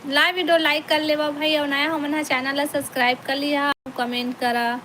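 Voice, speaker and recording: A woman's voice: high-pitched, level tone, normal speed, fairly bright tone, a little hiss or hum. A woman with a Chhattisgarhi accent, hosting a casual live stream from home and chatting with viewers by name as she reads their comments. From Chhattisgarh, India.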